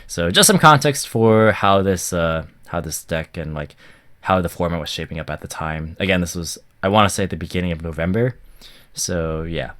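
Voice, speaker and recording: A man's voice: low-pitched, moderate pace, a bit bright. Stuffy-voiced man rambling over gameplay. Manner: rambling, full of ums and likes. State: stuffy, recovering from a cough. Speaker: card game commentator. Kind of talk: casual gameplay commentary.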